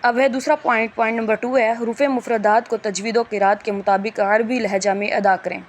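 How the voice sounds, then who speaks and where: A woman's voice: on the high side, steady tone, slight background noise. A woman teaching a Quran reading lesson, explaining rules patiently and stretching out letter sounds as examples. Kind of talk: Urdu lesson lecture.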